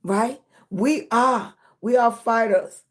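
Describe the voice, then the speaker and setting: Speaking slowly in a rather high voice, this American livestream host and content creator runs a motivational chat. She's emphatic, warm, and encouraging, often tagging her sentences to check in and calling viewers "baby" and "sweetie."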